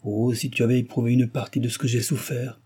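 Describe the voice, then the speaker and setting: A man's voice: mid-range voice, moderate pace, mellow, husky, close to an everyday voice. A man voicing a stern, brooding older man who moralizes severely, read as a character in an audiobook. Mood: severe reproach. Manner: severe, reproachful declaiming.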